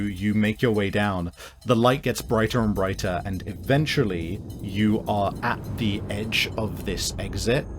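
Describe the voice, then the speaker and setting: With music playing behind him, a low-voiced man acts as game master for a tabletop roleplaying game. He improvises the narration and frequently searches for his words.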